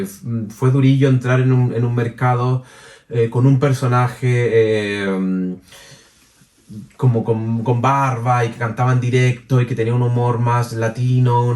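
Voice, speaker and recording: A Chilean man speaking as an interview guest, chatting casually and lively, with many restarts and laughs. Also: mid-range voice, normal speed, far from the mic. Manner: animated, many restarts and fillers, laughs easily. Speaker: interview guest, drag performer and DJ. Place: room with a jacuzzi.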